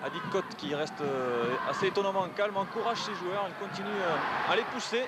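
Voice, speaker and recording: A man's voice: sits high, moderate pace. A man giving a live sideline report during a football match. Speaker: touchline reporter. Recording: very noisy stadium touchline.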